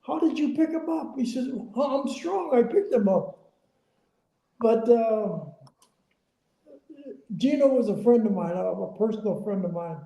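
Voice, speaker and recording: A man's voice: extremely high pitch, measured pace, vocal fry, pauses often, dark tone, highs cut off. An older man, a former wrestler, telling stories as an interview guest over a remote group voice call, repeating phrases for emphasis. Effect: heard over a remote group voice call. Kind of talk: casual anecdotal storytelling. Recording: echoey call audio.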